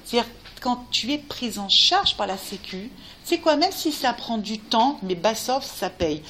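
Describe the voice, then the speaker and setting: A woman giving a spirited religious talk, speaking straight to her listeners and rising at times to loud cries. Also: fairly high pitch, measured pace, a little hiss or hum. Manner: animated, talks to listeners directly, rising to cries. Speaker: Torah teacher.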